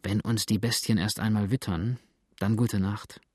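A man's voice: steady tone, normal speed, dry recording, studio quality, natural voice. A man muttering as a wary, sour fugitive. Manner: muttered, low and hushed. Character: wary grumbling male fugitive, hushed and sour.

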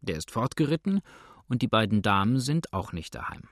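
A man voicing a shrewd innkeeper who speaks calmly, dryly and unhurriedly. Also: fairly low pitch, no echo, heavily acted. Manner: calm, dry, unhurried. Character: calm shrewd older male innkeeper.

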